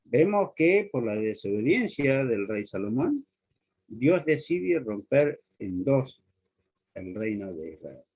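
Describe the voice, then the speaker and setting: A man's voice: medium pitch, big pitch swings, takes it slowly, a little mellow, breathy edge. A man preaching a sermon, speaking earnestly and putting pointed rhetorical questions straight to the listener. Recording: dull lo-fi recording.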